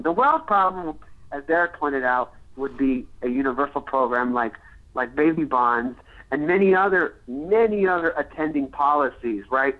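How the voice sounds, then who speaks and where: Through a tinny, phone-like connection, a man with a fairly high voice talks policy off the cuff. He is earnest and wordy, stumbling and digressing as he goes. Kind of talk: spontaneous policy discussion.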